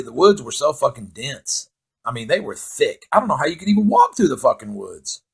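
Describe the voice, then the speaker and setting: A man's voice: high voice, vocal fry, fairly bright tone, husky. A middle-aged man telling a rambling, heavily profane story from his youth, laughing at himself as he goes. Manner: rambling, heavy swearing, laughs at own story.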